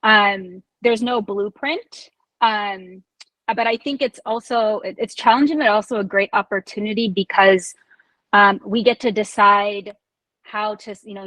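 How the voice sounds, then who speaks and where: A woman from Fiji answering as a guest author on a video call, the sound close and dry. She speaks at an even middle pitch, pausing often on ums as she gathers her thoughts. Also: no echo, rough recording. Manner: warm, hesitant, many ums. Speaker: children's book author, panel guest. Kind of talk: panel discussion answer.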